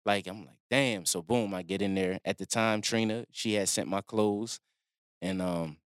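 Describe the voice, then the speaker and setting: A man telling a long personal story in a relaxed, slangy way, acting out what people said. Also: lowish voice, moderate pace, no room sound, studio quality. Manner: laid-back slangy storytelling, acts out quotes. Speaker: guest telling his story. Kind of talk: casual storytelling.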